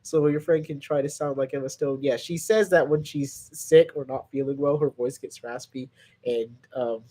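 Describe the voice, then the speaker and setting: A man with a warm, mid-range voice hosts a fan series channel, answering questions on a livestream. He chats with fans in a casual, chummy way and tends to ramble.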